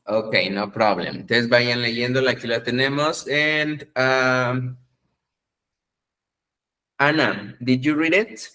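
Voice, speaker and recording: Man, English teacher, slow unhurried delivery, patient, repeats prompts in two languages. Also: mid-range voice, steady tone, pushed and bright. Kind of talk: bilingual online class.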